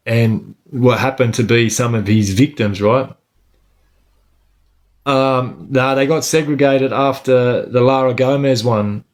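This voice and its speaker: An Australian man telling stories casually on a livestream as host, using Aussie eshay street slang like a local lad. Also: mid-range voice.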